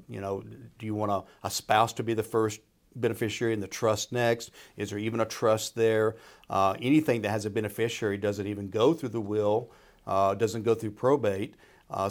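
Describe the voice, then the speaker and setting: A man speaking as a financial expert, explaining in an informal, folksy way and checking in as he goes. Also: lowish voice. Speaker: retirement planner and radio show expert. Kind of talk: conversational explaining.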